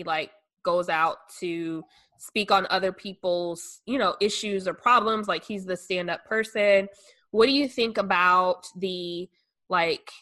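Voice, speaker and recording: Reflective woman co-host, bright ringing tone, searching for words. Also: mid-range voice. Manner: thoughtful, hesitant, many fillers. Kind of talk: casual chat.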